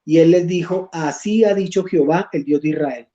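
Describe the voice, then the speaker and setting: A man's voice: a little high, moderate pace, warm tone, dull audio. A man teaching an online Bible study class, reading scripture aloud and checking in with his listeners.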